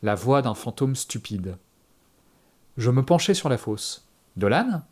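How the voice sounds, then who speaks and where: A man reading a story aloud in the first person, with measured, steady audiobook narration. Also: mid-range voice.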